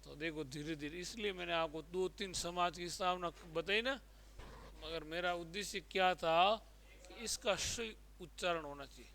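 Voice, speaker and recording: A man's voice: high-pitched, moderate pace, sharp tone. A man with a Rajasthani Hindi accent teaching a Hindi exam-prep class, drilling words by repeating them and quizzing his students.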